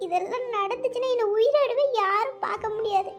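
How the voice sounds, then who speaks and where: A woman's voice: very high voice, fairly even intonation, a little fast. Tearful young woman Selvi. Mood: pleading. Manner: tearful, pleading. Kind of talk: cartoon voice acting.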